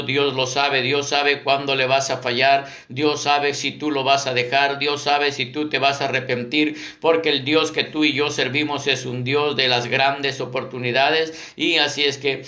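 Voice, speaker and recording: A man's voice: mid-range voice, bright, forceful tone, roomy sound. A man from Peru preaching a fervent sermon, retelling scripture and speaking straight to his listeners. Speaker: apostle preaching.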